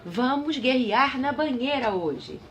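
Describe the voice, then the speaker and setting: A woman voicing a stubborn king who makes slow, drawn-out royal announcements in a storybook reading. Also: high voice, animated, a little hiss or hum, voice pushed up. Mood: pompous. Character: stubborn king who never leaves his bathtub.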